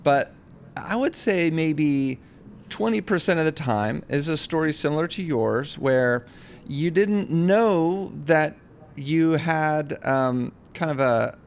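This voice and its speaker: A podcast host introduces his guest and muses aloud in a loose, rambling, reflective way, often restarting his phrases. His voice is a little high, expressive and creaky, and he speaks slowly over slight background noise in this casual interview.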